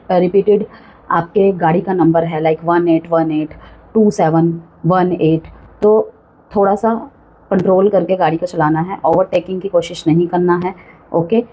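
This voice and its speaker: A woman's voice: lowish voice, fairly even intonation, unhurried, muffled recording. A woman giving a chatty monthly tarot horoscope reading, full of warnings and frequent check-ins with the listener. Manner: chatty, cautionary, repeats "ठीक है" often. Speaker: tarot reader.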